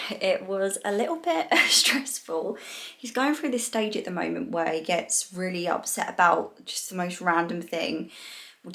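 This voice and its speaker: A woman's voice: fairly low pitch, a bit bright. A young woman in casual vlog chat, rambling with lots of fillers, filmed at home on a handheld camera. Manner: chatty, rambling, many fillers. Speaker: lifestyle vlogger. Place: indoors at home.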